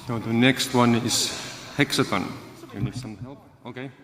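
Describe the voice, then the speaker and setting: A man's voice: mid-range voice, moderate pace. A man moderating a conference session, announcing each speaker briefly and matter-of-factly. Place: conference hall. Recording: echoey hall with background noise.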